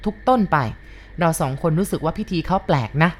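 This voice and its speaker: A woman reading a ghost story aloud in a steady, unhurried storytelling manner. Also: lowish voice, slight background noise.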